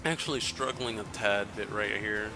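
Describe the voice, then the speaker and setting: A man's voice: fairly low pitch, moderate pace. A man from Texas giving casual, rambling commentary while playing a video game. He swears freely and fills his talk with ums and uhs. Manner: rambling and profane, with many fillers. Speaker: let's play host. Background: game music.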